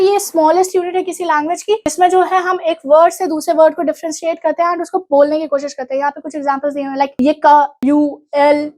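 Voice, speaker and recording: A young woman from India leads an exam revision lesson, her voice pitched high. She speaks with an Indian English accent and talks through each point step by step, switching between Hindi and English. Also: darkish tone. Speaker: teacher.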